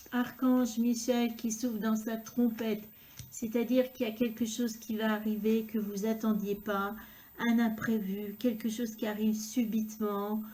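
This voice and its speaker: A woman reading tarot cards to the viewer, talking unhurriedly and filling pauses with hein and euh. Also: fairly high pitch, mellow, a little hiss or hum. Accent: regional accent, unnamed. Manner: unhurried, filler-heavy talk with frequent "hein" and "euh". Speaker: tarot card reader.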